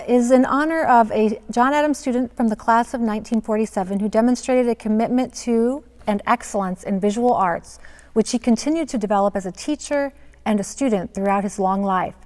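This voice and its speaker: A woman head of counseling introducing students and awards at a school ceremony, friendly and a bit quick. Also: fairly high pitch, a little mellow, big-room sound.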